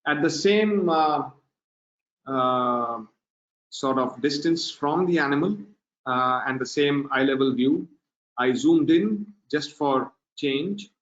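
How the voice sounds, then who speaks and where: A man presenting a wildlife photography webinar, talking in a relaxed, unhurried way with many filler pauses over a video call. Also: on the high side. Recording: dull lo-fi webinar audio.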